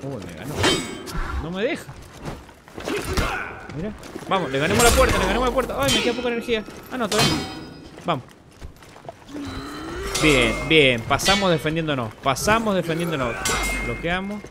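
A man hosting a gaming channel, giving excitable play-by-play commentary and repeating short exclamations over and over. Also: high-pitched, normal speed, pauses often, very noisy. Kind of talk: live gameplay commentary.

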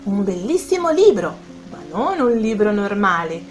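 A woman's voice: medium pitch, big pitch swings, normal speed, faint music behind. A woman narrating a children's bedtime story, speaking directly to the young listeners.

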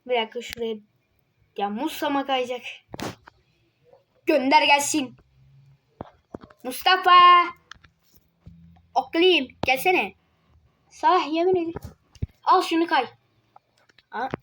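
A woman giving casual gameplay commentary, excitable, teasing other players and yelping or muttering to herself while she plays. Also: sits high, slow, long pauses, slight background noise. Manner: excitable, yelps and mutters to self while playing. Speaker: gaming video creator.

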